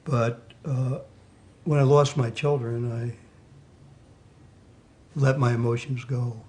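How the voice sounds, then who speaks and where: A man's voice: medium pitch, level tone, slow pace, a little mellow. A bereaved father speaking heartfelt words in a documentary interview.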